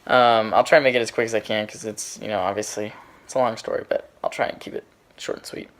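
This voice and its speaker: A man's voice: lowish voice, steady tone, fast, fairly bright tone. A man in his twenties casually telling a story to his vlog audience, rambling with lots of fillers and restarts. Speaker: vlogger.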